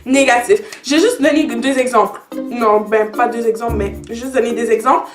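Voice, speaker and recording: A woman's voice: a little high, normal speed, roomy sound, music in the background. A nineteen-year-old woman with a Québécois French accent, chatting to camera as a YouTuber and switching between French and English. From Canada. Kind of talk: casual chat to camera.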